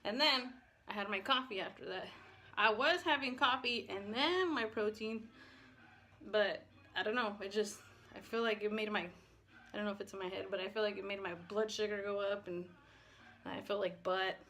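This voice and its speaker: A woman's voice: medium pitch, steady tone, normal speed, pushed and bright. A woman fitness vlogger talking casually in a rambling, slangy way, breathless from exercise. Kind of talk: casual chatty workout vlog.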